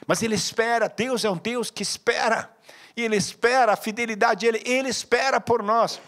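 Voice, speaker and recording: High-voiced, animated preacher man. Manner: animated preaching, acting out dialogue with sudden loud and soft turns. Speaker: pastor. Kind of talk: sermon.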